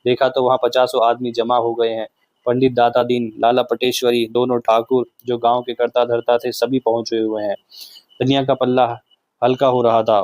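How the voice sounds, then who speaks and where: A man reading a classic novel aloud as narrator, with steady, measured storytelling. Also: medium pitch, no room sound.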